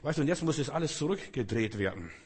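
Husky man preaching in a hall. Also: medium pitch, lively intonation, fast talker, darkish tone. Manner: conversational, addresses listener with "weißt du". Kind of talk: sermon.

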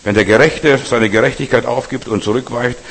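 A male preacher with a husky voice giving a blunt, exhorting sermon to his congregation; German is not his first language. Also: mid-range voice, fairly even intonation, a little fast, a bit bright. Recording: long hall reverb.

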